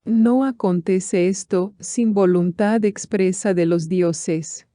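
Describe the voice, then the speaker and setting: A woman's voice: mid-range voice, slow, warm tone, dry recording, clean studio sound, natural voice. A woman reading the lines of a wife's ghost, in a solemn, consoling manner. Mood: solemn, tender. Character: ghost of a grieving young wife.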